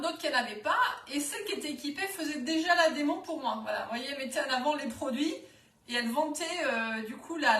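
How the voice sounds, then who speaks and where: A high-voiced woman with a southwest French accent talks through a live home-cooking demo, chatty, full of fillers and restarts. She sounds some way off from the microphone in an echoey kitchen, with faint noise behind her. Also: a bit bright, recorded from a distance. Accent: southwest French, Toulouse area. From southwest France. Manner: chatty, hesitant, many fillers. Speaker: cookware sales consultant.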